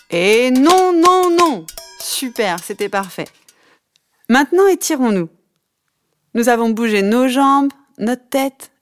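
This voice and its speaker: A woman guiding children through a movement session, counting out each step slowly and encouraging them. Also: medium pitch. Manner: slow, encouraging counting and instructions. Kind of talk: guided kids' exercise session.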